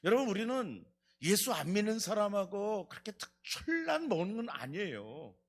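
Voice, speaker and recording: A man preaching with fervor in a church sanctuary. His voice sits high and swings widely, rising and falling as he puts question after question to the congregation and acts out little quotes. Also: very animated, normal speed. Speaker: pastor. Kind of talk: Friday night revival sermon.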